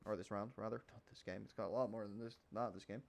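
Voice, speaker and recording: Calling a shooter match live, this fast-talking esports caster is an excitable man whose voice gets higher and louder when fights break out. Between rounds he stays calm, and gunfire from the game can be heard in the background.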